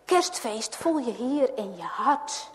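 A woman voicing a simple-minded, devout grown man, speaking slowly, gently and earnestly. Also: fairly high pitch, animated, a little hiss or hum. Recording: long hall reverb.

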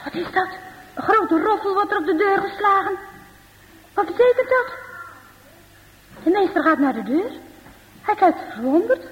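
A woman, likely older, telling a children's Bible-school story in a lively way, voicing the characters and often adding little tag questions. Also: very high-pitched, moderate pace, pauses often, a little hiss or hum. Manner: lively, with frequent tag questions and voiced dialogue. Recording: dull recording in a reverberant hall.

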